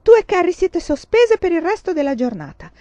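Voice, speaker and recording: A woman's voice: on the high side, sing-song, brisk, dark tone, no echo, voice pushed up. A woman voicing a stern, unfair female schoolteacher who scolds sharply. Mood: scolding. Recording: dull, dry lo-fi recording.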